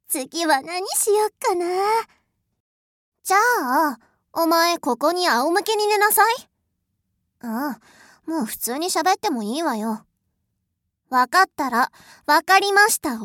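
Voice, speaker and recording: A woman's voice: sits high, fairly bright tone, no room sound, clean studio sound. A woman voicing a haughty, spoiled rich young lady who is bossy, cruel and scornful, in an audio drama. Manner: imperious, scornful, mocking. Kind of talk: adult audio drama role-play.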